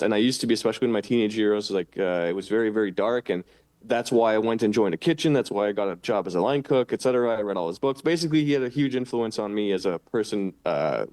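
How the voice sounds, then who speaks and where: A man's voice: on the low side, expressive, fast talker, darkish tone. A man co-hosting a podcast in casual chat, rambling and earnest, often stumbling over his words. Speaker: podcast co-host.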